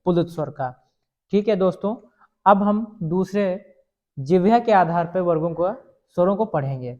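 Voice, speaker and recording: A man's voice: sits high, moderate pace, a little mellow. A male teacher giving a Hindi grammar lesson. He asks questions, answers them himself and sounds out the vowels aloud. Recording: slightly dull lo-fi sound.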